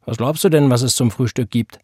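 A man voicing a sulky, contemptuous teenage boy who mocks and sneers, with a husky voice, in an audiobook reading. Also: medium pitch, normal speed, darkish tone, no room sound, clean studio sound, pitched above the performer's own voice, lightly acted. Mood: scornful. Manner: sneering, mocking.

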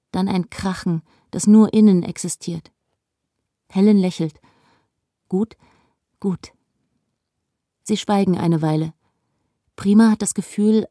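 Woman reading an audiobook, calm and measured, dark mellow tone, dry studio sound. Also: mid-range voice, dry recording. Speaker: audiobook narrator. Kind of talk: scripted narration.

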